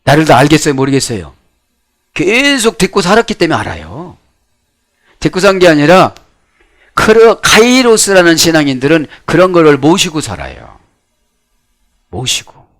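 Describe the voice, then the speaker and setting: Animated Korean man preaching with swinging emphasis. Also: fairly high pitch, moderate pace, pauses often. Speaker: pastor. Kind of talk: sermon with original-language Bible exposition.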